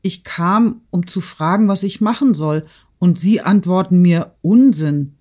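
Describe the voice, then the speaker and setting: A man doing an excited young girl. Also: moderate pace. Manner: high, eager, breathless pleading. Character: excited teenage girl, impulsive. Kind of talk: audiobook character reading.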